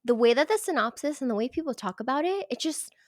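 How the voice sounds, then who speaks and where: A woman talking casually as a book reviewer, animated and emphatic, sometimes dropping into a whisper. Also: high voice, fast, dry recording, clean studio sound. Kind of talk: casual chat.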